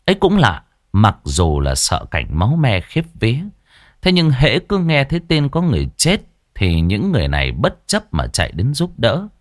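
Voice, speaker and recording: A man narrating a ghost story in a dramatic, animated storytelling manner. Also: medium pitch, moderate pace, no room sound, clean studio sound.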